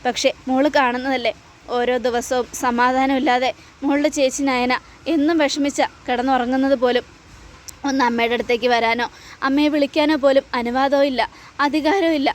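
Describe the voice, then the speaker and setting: A woman reading the lines of an anxious, loving mother of grown daughters, soothing and imploring, in a high voice. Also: close to an everyday voice.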